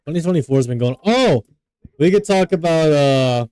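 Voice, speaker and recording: Young man, podcast co-host, mellow, smooth, dry mic, rambling casual chat. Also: fairly high pitch, lively intonation, moderate pace, dry recording. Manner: loose, profane, lots of "like" fillers.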